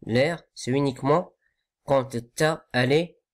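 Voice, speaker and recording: A man teaching correct pronunciation for recitation, patient and repetitive, modelling each sound again and again. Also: medium pitch. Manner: slow, patient, repeats sounds to correct them. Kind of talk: tajwid lesson.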